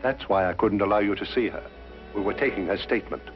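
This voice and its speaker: An actor playing a dutiful police inspector with an English accent, formal, earnest and a little hesitant, in a 1950s mystery drama. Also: male voice, on the low side, fast talker, close to an everyday voice. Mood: formal, grave. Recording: dull 1950s soundtrack with music.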